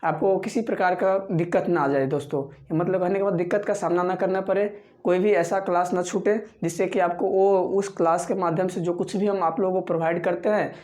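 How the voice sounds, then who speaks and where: A man leads an online spoken English lesson in a mellow, warm voice. He drills each phrase again and again, slowly, as if for learners to repeat. He keeps calling the viewers his friends. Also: high-pitched, steady tone. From Bihar, India. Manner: constantly addresses viewers as friends.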